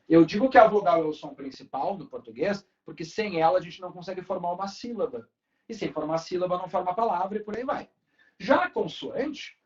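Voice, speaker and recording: A man, teaching a Portuguese class in a casual way and checking in with students often. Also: high voice. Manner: casual, talks to students with frequent tag questions. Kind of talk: online class lecture. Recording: dull lo-fi recording.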